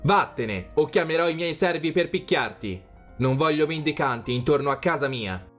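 A high, strained voice of a rich, haughty man in a storybook tale, as a male narrator puts him on. He talks loudly and well above the reader's own pitch, with faint music behind. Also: expressive, normal speed. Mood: angry. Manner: loud and pleading, high-pitched. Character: rich haughty man who turns humble.

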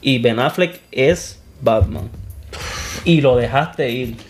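A young man argues his picks in a casual chat about films, insistent and opinionated. His voice sits at an ordinary middle pitch. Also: slow, a little hiss or hum. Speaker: co-host.

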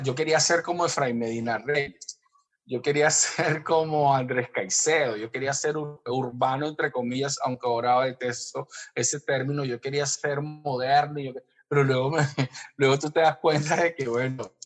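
A man with a Colombian Caribbean Spanish accent talks as an author being interviewed. His voice sits at a medium pitch. He speaks reflectively, circling back to repeat and reword his phrases as he goes. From Caribbean coast of Colombia. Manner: halting, often repeating and rephrasing.

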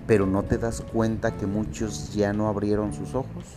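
Guy doing a morning reflection, preachy but gentle, really deep voice. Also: flat delivery, normal speed, music in the background. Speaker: host of a daily reflection. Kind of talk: motivational reflection.

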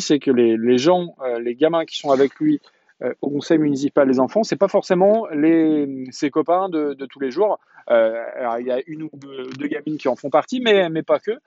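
A man in his thirties or forties telling a personal story in a casual podcast monologue, halting often on fillers and restarts. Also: medium pitch, warm tone, dry recording, highs cut off. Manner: hesitant, chatty storytelling with many fillers and restarts.

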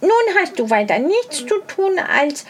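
A woman voicing a crafty, stubborn male hedgehog who talks in a brisk, self-assured way in a storybook reading. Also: high voice, very animated, voice pushed up. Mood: bossy.

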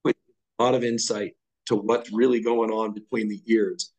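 A man's voice: fairly low pitch, flat delivery, moderate pace, a little mellow, poor audio. A middle-aged man guest on a podcast, explaining ideas in a blunt, profane, casual way. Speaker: podcast guest, fire lieutenant. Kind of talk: casual conversational chat.

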